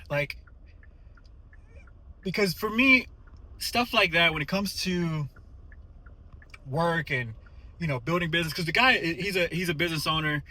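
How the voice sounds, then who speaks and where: A man's voice: a little high, bright, forceful tone. A man talking casually to his phone camera while driving, a little out of breath after the gym, thoughtful and hesitant with many fillers. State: slightly out of breath. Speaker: vlogger. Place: inside a car.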